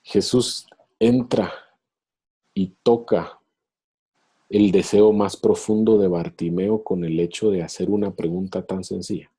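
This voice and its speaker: A man's voice: sits low, steady tone, unhurried, mellow, breathy edge. A man giving a reflective online lecture on theology, retelling a story and acting out its voices over a video call. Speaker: speaker in a theology webinar.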